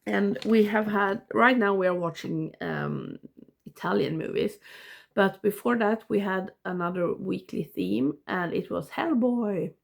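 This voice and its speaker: A woman with a blocked nose giving a casual video review, rambling and haltingly, often interrupting herself. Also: medium pitch, creaky. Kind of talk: casual ranking review to camera.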